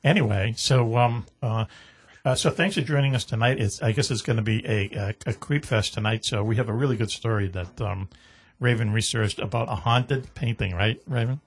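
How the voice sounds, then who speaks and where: Husky Boston-accented male radio host. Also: lowish voice, moderate pace. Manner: rambling, joking, many fillers. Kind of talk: casual radio talk.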